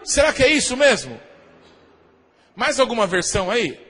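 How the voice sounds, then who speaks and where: A Brazilian pastor preaching a sermon, often asking the congregation "amém?" and imitating shofar blasts. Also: male voice, extremely high pitch, big pitch swings, moderate pace, big-room sound, very noisy. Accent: Brazilian Portuguese.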